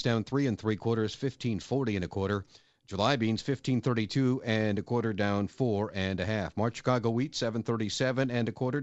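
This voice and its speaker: A man's voice: fairly low pitch, no echo. Male farm radio host, slightly muffled. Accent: American. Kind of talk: radio farm news and market report. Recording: dull lo-fi radio audio.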